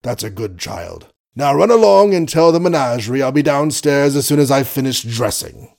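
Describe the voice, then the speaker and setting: A man's voice: mid-range voice, expressive, moderate pace, gravelly, a little mellow, voice pushed up. A man reading the part of a blustering, doting old colonel who swears mildly and teases his daughter. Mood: teasing.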